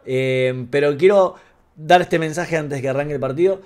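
A man with an Argentine accent giving a live, excitable reaction to a football match, talking straight to the screen. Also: on the high side, moderate pace. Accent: Argentine Spanish. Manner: excitable, emotional, talks to the screen.

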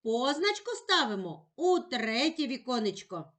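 A woman teacher giving a slow, clearly spoken lesson for young children, drawing out the words and sounds she stresses. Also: sits high, big pitch swings, a bit bright. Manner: drawn-out, sing-song emphasis on words and sounds.

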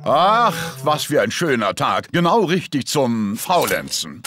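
A man voicing a cheerful, easygoing, overconfident daddy pig in a children's cartoon, with an animated, jovial manner. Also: mid-range voice, a little slow, faint music behind. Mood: relaxed, jolly.

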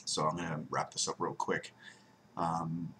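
A young man's bass voice, flat and unhurried yet pushed and bright, carries a rambling beer review from his home room beside the window blinds. He repeats words for emphasis. A little hiss or hum runs through the desk webcam audio.

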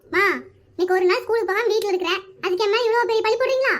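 Squeaky whiny little kid, cartoon, talks fast and sulks. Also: fairly bright tone. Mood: protesting. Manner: complaining, self-pitying grumbles. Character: whiny little boy in kindergarten, cheeky and sulky. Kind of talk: cartoon family comedy.

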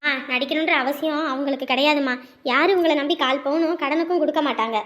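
A woman acting a young daughter who calmly pleads with her mother in a family drama. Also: sits high, quick pace. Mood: pleading. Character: young woman, patient daughter defending fiancé.

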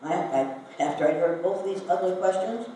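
With a warm, fairly low voice at a moderate pace, an older Iowan woman from the United States narrates a story and asks the live audience questions. The recording places her far from the mic in a very echoey hall, with faint noise.

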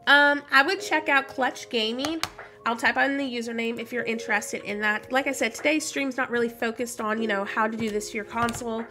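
A woman in her thirties, stuffy from a cold, livestreams a game from a room at home, chatting casually and greeting viewers by name. Her voice is on the high side, fairly even in intonation and a little fast, with music playing behind it.

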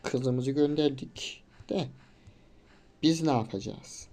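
Male let's-play commentator with a warm, mid-pitched voice; casual, reads dialogue plainly, gets loud when things get hard. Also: slow pace. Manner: gets loud and excited during tricky moments, casual swearing. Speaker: gamer. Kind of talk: let's play commentary, reading game text aloud.

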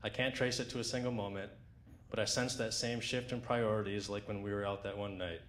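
A man's voice: lowish voice, flat delivery, fairly quick, fairly bright tone, slight background noise. A young man at a wedding reception, reading a prepared best man's toast into a handheld mic in a fond, teasing way. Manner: fond, teasing, with light jokes. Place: wedding reception in a large dining room.

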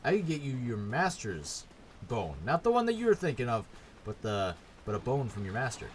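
A man's voice: mid-range voice, huge pitch swings, moderate pace, background noise. A man giving sarcastic, frustrated let's play commentary while playing a game, swearing often. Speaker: gaming YouTuber.

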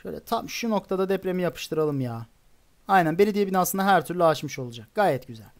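High-voiced man commenting on his game. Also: animated, fast talker. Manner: chatty, exasperated outbursts. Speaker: gaming YouTuber.

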